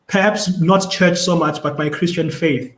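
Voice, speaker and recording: A man's voice: a little high, fairly even intonation, moderate pace, reverberant, poor audio. A young man with a South African Xhosa accent, a podcast guest talking in a thoughtful, casual way and often repeating words as he searches for them. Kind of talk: casual conversation.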